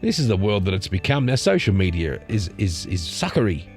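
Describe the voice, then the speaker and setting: A man's voice: low-pitched, sing-song, brisk, darkish tone. A man hosting an informal news commentary on memes, rambling along in a casual, sardonic way. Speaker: host of a satirical news commentary channel. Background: music.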